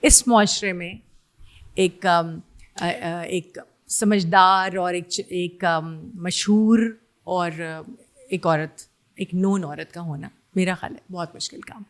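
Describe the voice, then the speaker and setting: A middle-aged woman with a Pakistani Urdu accent, a singer chatting casually as an interview guest, pausing often with fillers and slipping into English. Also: lowish voice, fairly even intonation. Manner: hesitant, many fillers, mixes in English.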